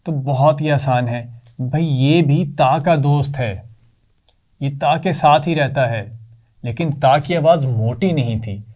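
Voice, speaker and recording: This is a man teaching young children to read, and his voice sits at an everyday middle pitch. He talks patiently and kindly, says each letter sound slowly and loudly, has the class repeat it, then praises them. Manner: warmly praises the pupils. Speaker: Quran reading teacher for children. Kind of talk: children's lesson.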